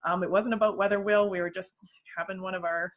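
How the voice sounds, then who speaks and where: A woman's voice: mid-range voice, steady tone, fast, muffled recording. Friendly lady cohost just chatting away, casual, laughs easy. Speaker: co-host. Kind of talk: casual conversational chat.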